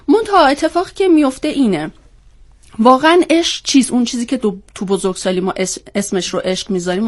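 Woman, congested with a head cold, medium pitch, step-by-step explaining, rhetorical questions, panel guest. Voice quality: congested, stuffy nose from a cold. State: has a cold. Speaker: psychologist guest on a panel discussion.

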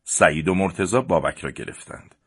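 Deep husky male storyteller. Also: lively intonation. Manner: reads plainly and shifts up in pitch and loudness for the characters. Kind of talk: audiobook narration voicing the dialogue.

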